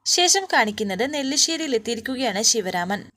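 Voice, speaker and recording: A woman's voice: fairly high pitch, animated, fairly quick, sharp tone. A woman casually retelling a serial story as a storyteller, with small restarts and fillers.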